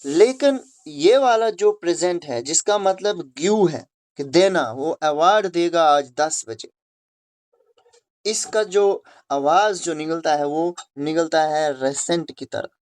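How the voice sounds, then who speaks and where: Slow-paced male grammar teacher. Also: on the high side, darkish tone. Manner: repetitive, checks with listeners, spells words letter by letter. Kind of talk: classroom lesson on pronunciation.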